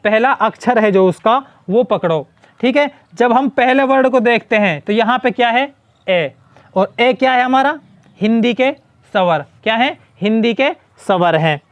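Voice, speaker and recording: A man with a high voice teaches a grammar lesson. He keeps asking his class a question and then answers it himself, repeating each key word. The sound is dry and close, with no room around it. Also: a little slow, no echo. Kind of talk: explaining English grammar in Hindi.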